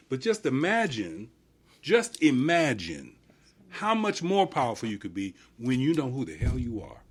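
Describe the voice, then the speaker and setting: A man's voice: lowish voice, breathy edge. A man speaking emphatically in a group discussion, repeating phrases for effect.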